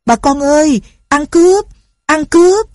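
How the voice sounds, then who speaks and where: A woman's voice: fairly low pitch, unhurried, breathy edge, no room sound. A woman voicing a desperate old father who pleads and cries out for help. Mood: shouting. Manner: pleading, then shouting for help.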